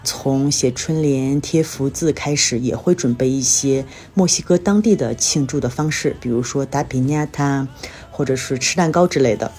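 This Chinese woman speaks in a dark-toned bass voice at a normal speed, hosting a casual solo podcast where she chats through everyday stories as a life update. She comes across as a bit tired and under the weather.

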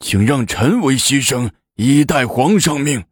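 A man's voice: medium pitch, animated, a little slow, husky, dry recording, studio quality, pitched above the performer's own voice. A man voicing an overwrought, loyal male court official in a pleading, wailing delivery. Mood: fervent.

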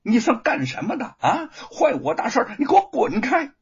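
Storybook villain, male, one-eyed, cruel and taunting; husky voice swinging wildly in pitch, done by a man narrating. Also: huge pitch swings, measured pace, muffled recording, full character voice. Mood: furious. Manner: sneering, taunting.

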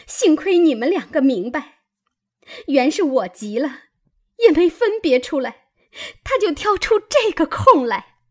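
A fierce young maidservant in a storybook reading, scolding high and loud with tears in her voice, put on by a woman narrator. The voice is husky and swoops widely as she lashes out. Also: big pitch swings, measured pace, full character voice. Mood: heated. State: crying while scolding.

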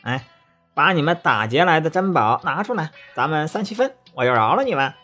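A cheeky, boastful monkey king, as a man puts him on, pitched well above the storyteller and leaping up and down in tone. He talks quick and cocky with a husky edge, and faint music sits behind him. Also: very animated, bright, forceful tone, full character voice.

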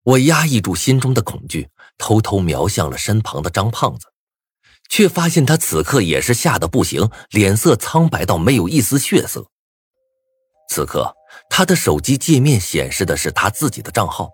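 A man's voice: low-pitched, slightly rough. A man narrating a suspenseful first-person story in a tense storytelling voice.

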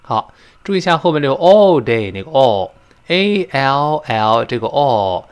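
A man teaching an English lesson, explaining with eagerness and slowly repeating words to model how they sound. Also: mid-range voice, sing-song, smooth.

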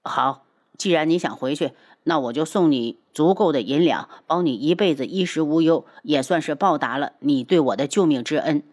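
女声压低演绎的沉稳男医者. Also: female voice, deep voice, normal speed, darkish tone. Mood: calm. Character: calm male healer.

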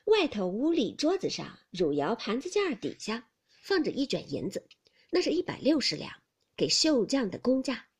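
A woman voicing a capable, commanding young mistress who gives brisk orders in a breathy voice. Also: fairly high pitch. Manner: brisk, bossy, quick orders.

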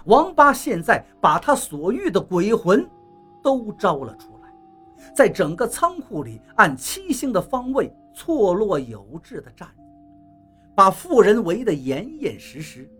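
Audiobook narrator, woman, husky and animated, soft music bed. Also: mid-range voice, a little slow. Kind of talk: novel narration. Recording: faint background music.

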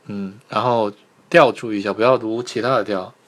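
A male language teacher giving a livestreamed pronunciation lesson, patiently sounding out syllables and repeating them slowly. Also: on the low side, fairly even intonation, fairly bright tone. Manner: patient, repeats syllables slowly, asks viewers to type in chat.

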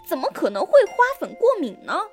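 A woman's voice: high voice, sing-song, a little slow, soft background music. A woman voicing a vain, proud little flower fairy girl in a children's audio story, talking in a haughty, showy way.

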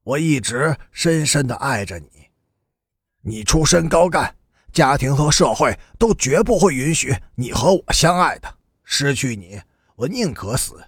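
A man reading an audiobook and voicing a tearful, despairing young man in a low, choked, pleading delivery. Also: big pitch swings, measured pace, breathy edge, dry recording, studio quality, full character voice. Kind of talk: audiobook character voice.

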